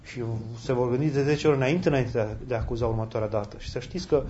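A man preaching a sermon as a priest, speaking animatedly and leaping up in pitch when he voices other people. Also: mellow. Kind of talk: sermon answering questions. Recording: dull lo-fi with faint noise and clicks.

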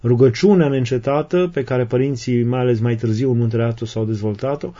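Male preacher, warm low-key delivery, explains readings with pauses, slightly muffled recording. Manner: reads a passage, then retells and explains it with fillers and restarts. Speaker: Orthodox preacher. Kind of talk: sermon reading and explaining desert fathers' sayings.

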